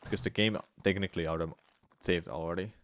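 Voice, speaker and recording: A man's voice: sits low, fairly even intonation, quick pace. A man talking casually as a speedrunner on a livestream, giving offhand, half-distracted replies while he plays. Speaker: speedrunner streaming live game attempts. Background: music.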